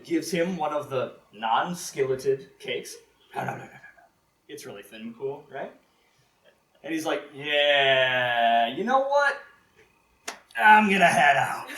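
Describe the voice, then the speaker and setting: A man telling folklore stories live at a convention, casual and animated, laughing often and saying "like" a lot. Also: on the high side. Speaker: storyteller. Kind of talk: live storytelling talk. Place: convention room, live audience. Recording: ambient roomy live recording.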